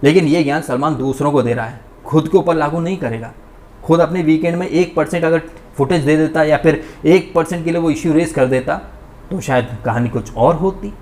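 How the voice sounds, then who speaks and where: A man's voice: a little high, fairly quick, darkish tone. A man giving an indignant, ranting commentary monologue as a vlogger reviewing a show. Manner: indignant, ranting, mocking impressions.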